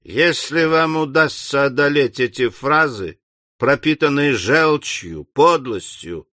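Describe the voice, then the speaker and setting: A man's voice: mid-range voice, expressive, pushed and bright, dry recording, studio quality. A man voicing a scornful, mocking male newspaper editor who draws out his taunts, in an audiobook. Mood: sneering. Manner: sneering, drawn-out taunts.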